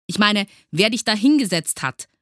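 A woman's voice: mid-range voice, expressive, moderate pace, fairly bright tone, no echo, clean studio sound, pitched above the performer's own voice, close to an everyday voice. A woman voicing a strict male schoolteacher who barks harsh commands in a storybook reading. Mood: stern. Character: strict shouting male schoolteacher, stern and bossy.

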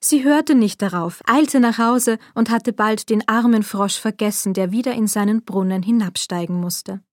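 A woman reads an old fairy tale aloud at an even, measured pace. Her voice sits in a mid range and sounds close and dry, with no room around it. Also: mid-range voice, dry recording. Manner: calm, measured storytelling phrasing. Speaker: narrator.

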